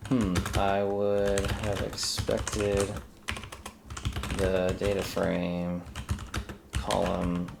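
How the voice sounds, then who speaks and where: A deep, creaky voice belongs to a tutorial host casually thinking aloud during a screen-recorded coding demo. He tosses out informal, exclamatory asides to himself and the software while typing on his keyboard. Faint background noise and keystrokes can be heard.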